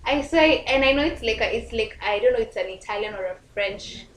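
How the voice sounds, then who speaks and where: A woman's voice: a little high, fairly quick. Young kenyan lady cohost, chatty, code-switching, roomy sound. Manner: animated, unsure, mixes English and Swahili. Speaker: co-host. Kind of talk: casual quiz chat. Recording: roomy studio with faint noise.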